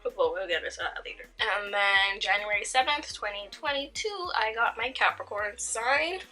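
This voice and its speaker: A woman's voice: mid-range voice, animated, moderate pace, bright, forceful tone, faint music behind, low-quality recording. A young woman chatting casually to her viewers in a vlog, laughing often between stories. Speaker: vlogger. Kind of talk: casual chat.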